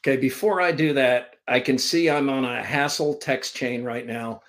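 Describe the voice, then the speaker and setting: Over a remote computer connection, a fifties-aged sportscaster from Vermont chats as a podcast guest, his medium-pitched voice slightly bright and paced normally. He wanders from story to story, often at his own expense.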